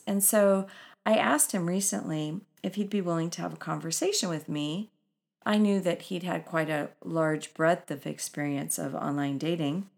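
A woman's voice: on the low side, gravelly, a little mellow. A woman podcast host who speaks in a soothing, instructional way, as in guided breathing meditation.

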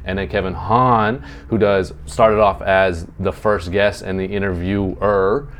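Male podcast host, lowish voice, loose rambling banter. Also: fairly even intonation, a little slow, slight background noise. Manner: rambling, self-deprecating, laughs easily. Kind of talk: casual chat.

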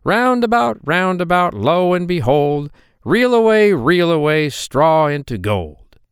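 A man voicing a scheming little male hobgoblin dwarf, high and wheedling in a storybook reading. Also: wildly swooping pitch, unhurried, vocal fry, no room sound, studio quality, full character voice. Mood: sing-song. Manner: high, sing-song, wheedling.

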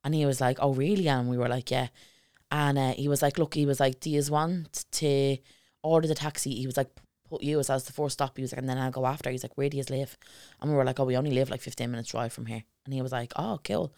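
A woman's voice: very deep voice, fast, no echo, studio quality. A woman co-hosting a podcast, telling a story in casual chat and acting out what everyone said, with the odd swear. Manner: animated storyteller acting out quotes, swears freely. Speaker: podcast co-host.

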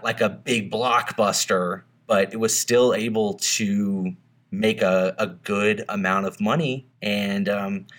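A man's voice: on the low side, fairly bright tone. A man co-hosting a movie podcast in casual, rambling chat, recording under a blanket. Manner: rambling, laid-back, swears freely. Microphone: home podcast mic under a blanket.

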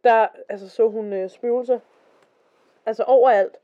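A woman's voice: on the high side, fairly even intonation. A woman co-hosting a casual podcast, reading stories aloud and chatting. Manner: chatty, reads quotes in a slower voice. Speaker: podcast co-host. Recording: dull lo-fi podcast recording.

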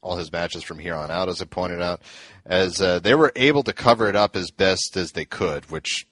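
A man with a fairly low voice talks loosely and casually, looping back with fillers and false starts as he tells a long story. The sound is dry and close, with no room around it. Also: normal speed, a bit bright, no echo. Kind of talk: casual wrestling history chat.

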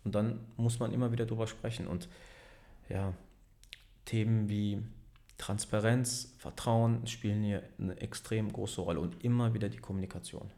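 A man's voice: lowish voice, fairly even intonation, normal speed, gravelly, dark tone. Rambling man leading a team. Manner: rambling, self-correcting, frequent "ne?" tags. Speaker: business owner and team leader. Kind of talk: casual interview conversation.

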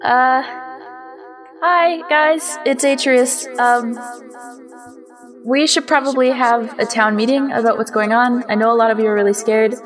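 A woman voicing a nervous young woman who speaks to her village in a magically amplified, booming voice, hesitant and full of ums. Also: steady tone, a little slow, faint music behind. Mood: nervous, earnest. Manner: hesitant, with ums and a rising, strained pitch. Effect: magically amplified, booming loud voice. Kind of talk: in-character tabletop roleplay.

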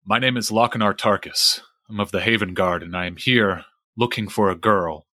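An earnest, courteous guardsman on a quest role-played by a man at a tabletop game. His voice is lowish and forceful, close and dry, with formal, deliberate wording. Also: no room sound. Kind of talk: in-character tabletop role-play.

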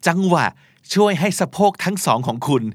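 A man's voice: high-pitched, expressive, brisk, no echo, clean studio sound. A man hosting a casual spoken lesson. He talks politely and spells words out letter by letter as he explains them patiently. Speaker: host teaching English spelling.

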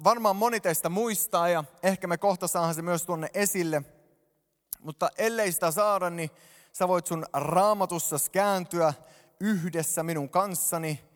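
High-voiced man preaching in reverberant hall. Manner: animated, addresses congregation directly. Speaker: pastor. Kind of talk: sermon. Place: church hall stage.

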